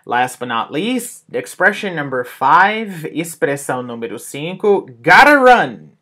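A man's voice: a little high, very animated, sharp tone. A man teaching an English phrase lesson, saying each phrase and then repeating and translating it. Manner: repeats each phrase slowly in two languages; stresses intonation of example phrases. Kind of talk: bilingual language lesson.

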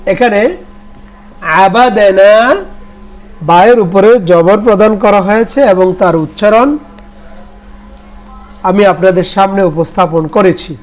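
A man's voice: high voice, soft background music, rough recording. A middle-aged man teaching Quran reading, spelling out letter sounds in repeated drills and drawing out the recited words. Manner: draws out the recited words very slowly. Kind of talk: slow drilled letter lesson with chanted recitation.

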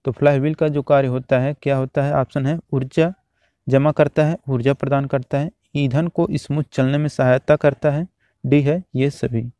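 A man teaching, reading out quiz questions and their options one by one, then repeating each answer in a steady drill. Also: mid-range voice, normal speed, dry recording. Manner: steady, repetitive exam-drill delivery.

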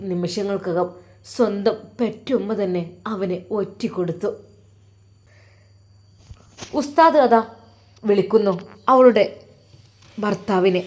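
A woman's voice: medium pitch, a little mellow. A woman storyteller narrating a dramatic family story with emphatic delivery.

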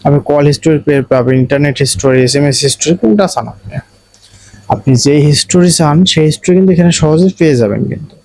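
Speaking very fast, this tech tutorial host with a Bangladeshi accent walks viewers through a phone, step by step, addressing them directly and repeating his explanations. His voice is high-leaning and darkish. The audio is poor, though with no echo.

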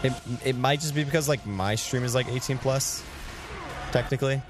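With game music in the background, a young man of about twenty-one keeps up easygoing commentary for his stream chat during a game. His voice is medium-pitched and his pace normal.

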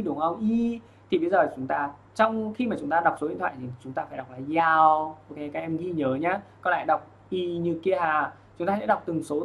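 A man teaching an online language lesson, explaining patiently, checking in often and reading examples slowly. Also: on the high side, a bit bright. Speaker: Chinese teacher.

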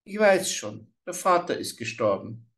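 A man's voice: medium pitch, big pitch swings, a little slow, a bit bright, voice pushed up. A man reading aloud and voicing an ugly old forest witch who coaxes slyly and cruelly. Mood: coaxing sly. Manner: coaxing, sly, cackling.

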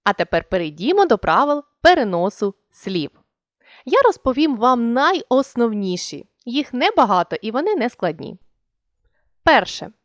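A woman hosting her own channel, reading a scripted language lesson clearly and deliberately, slowing down to stretch out each example word. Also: on the high side, no echo, studio quality. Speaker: channel host and language teacher.

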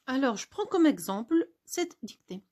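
A woman's voice: sits high, sing-song, normal speed, mellow. A woman teaching a spelling lesson, spelling words out letter by letter and asking questions she answers herself.

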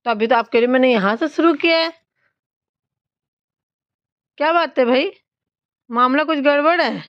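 A woman's voice: high-pitched, moderate pace, no room sound. Mother quizzing her child, voice raised. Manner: teasing, questioning, slightly raised voice. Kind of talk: scolding and coaching a child at homework. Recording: slightly dull lo-fi phone audio.

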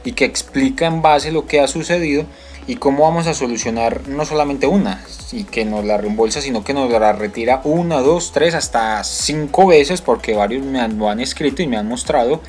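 A tutorial host with a Colombian Spanish accent walks through a screen-recorded tutorial step by step. His mid-range voice is a little mellow, and his explanation is full of fillers and restarts.

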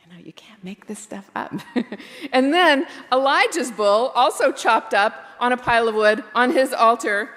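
A woman pastor preaching a sermon in a reflective, candid way, slowing down for emphasis. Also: fairly high pitch, a bit bright, in a large hall. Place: church.

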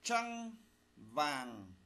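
A man teaching primary school, dictating a spelling lesson slowly, phrase by phrase. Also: fairly high pitch, big pitch swings, sharp tone. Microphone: voice-over recorded for a slide video.

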